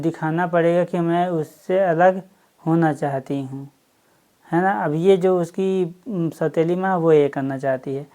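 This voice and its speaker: A woman reads a story aloud and stops often to explain it. Her voice is low and mellow. She speaks slowly and keeps adding little asides.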